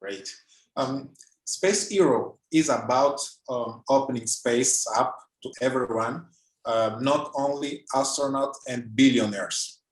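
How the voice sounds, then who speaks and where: A man's voice: medium pitch, takes it slowly. A man interviewing guests, hesitant with fillers as he asks his questions. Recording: roomy echoey audio.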